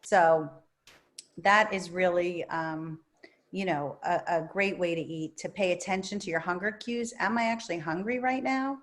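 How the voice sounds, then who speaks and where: This therapist and author fields questions during an online book event, her manner calm and soothing yet lively in its emphasis. She speaks at a moderate pace in a voice on the low side.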